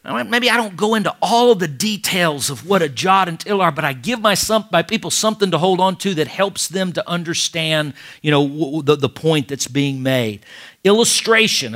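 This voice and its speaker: A man teaching pastors how to preach, in an animated and emphatic lecture with frequent restarts. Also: fairly high pitch. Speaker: preaching instructor.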